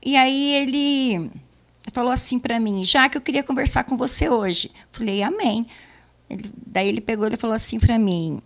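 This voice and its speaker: Middle-aged woman, higher voice, animated storyteller giving a testimony with acted-out dialogue. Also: gravelly. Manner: lively storyteller, acts out dialogue, laughs. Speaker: church member giving testimony.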